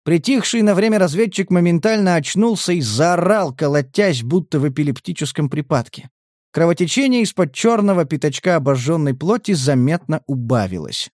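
A man narrating an action novel in a measured, steady read. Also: on the high side, no room sound, clean studio sound. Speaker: audiobook narrator. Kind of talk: scripted narration.

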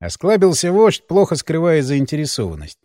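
A man narrating a first-person adventure audiobook with ironic, lively storytelling. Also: on the high side, moderate pace, no room sound, clean studio sound. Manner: lively, ironic storytelling, hero's lines shouted up.

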